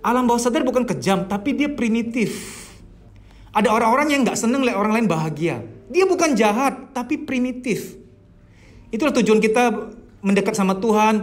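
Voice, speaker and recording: A therapist with a high voice lectures a workshop group in a lively, casual way. He speaks straight to his listeners and poses rhetorical questions as he teaches. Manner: casual colloquial speech mixed with teaching terms. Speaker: therapist leading a healing workshop. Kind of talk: seminar lecture to a live group.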